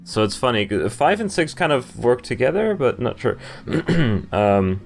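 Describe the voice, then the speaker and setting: A man in his twenties hosts a gaming playthrough from an indoor room with a webcam in the corner, reading the game's narration aloud and adding casual asides. His mid-range voice is gravelly and very animated, though his pace stays measured. Soft music plays in the background.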